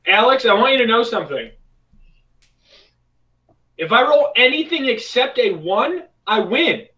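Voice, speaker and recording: A man's voice: extremely high pitch, very animated, unhurried, bright, forceful tone, lo-fi sound. A playful, joking male player whose voice sounds distant from the microphone. He keeps a mid-range, easy tone. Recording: voice distant from the mic.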